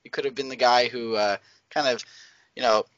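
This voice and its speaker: A man co-hosting a casual podcast chat, animated and acting out shouted movie-style lines. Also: medium pitch, normal speed, no echo. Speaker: podcast co-host. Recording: slightly dull podcast audio.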